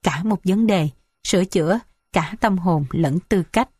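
A woman doing a calm, dutiful young daughter-in-law. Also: fairly low pitch, unhurried, breathy edge, dry recording, clean studio sound. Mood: gentle. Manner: soft, gentle, composed.

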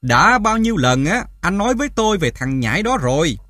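A man voicing a cruel, drunken mother in an audiobook, shouting in a shrill, sneering way. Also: slow pace, no room sound, clean studio sound, lightly acted. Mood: mocking. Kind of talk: audiobook character voice.

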